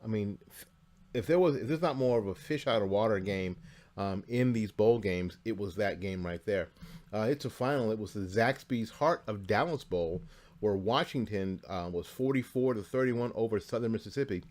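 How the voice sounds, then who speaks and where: Speaking at a normal pace in a fairly low, slightly mellow voice, a sports talk show host chats through college bowl scores from a studio near Tampa Bay, dropping asides and frequent fillers.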